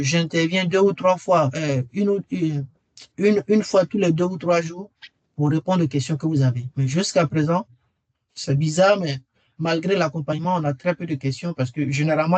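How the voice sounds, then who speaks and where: A man's voice: fairly high pitch, a little mellow, no room sound. A man presenting a webinar and earnestly persuading listeners to join his training course, repeating key phrases for emphasis. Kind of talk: webinar sales pitch.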